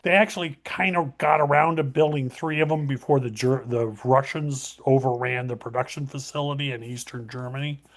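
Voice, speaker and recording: A man's voice: medium pitch, steady tone, a little fast, hardly any pauses. A man hosting a casual history talk, rambling with many fillers and self-corrections.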